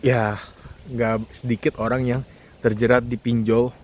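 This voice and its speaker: Speaking at a measured pace in a medium-pitched, level, slightly mellow voice, a man hosting a vlog gives viewers casual advice, stressing points by repeating key words. Ambient background noise makes the recording clearly noisy.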